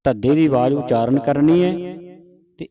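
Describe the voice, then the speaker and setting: A man teaching careful scripture pronunciation, reciting verses slowly syllable by syllable and correcting common mistakes. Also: mid-range voice, phone-quality sound, a crowd in the background.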